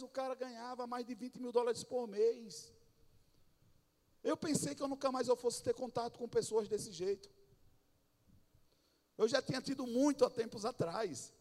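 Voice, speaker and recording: A man's voice: extremely high pitch, darkish tone. A man preaching a sermon in a church, his voice swelling and dropping. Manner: preaching with swells and drops in volume. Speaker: pastor. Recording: long hall reverb.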